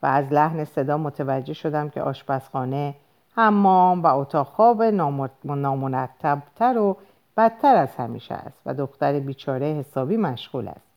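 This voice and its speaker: A woman's voice: deep voice, animated, a little mellow. A woman narrating an audiobook in a first-person voice, reading expressively and lifting her voice for the dialogue. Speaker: audiobook reader.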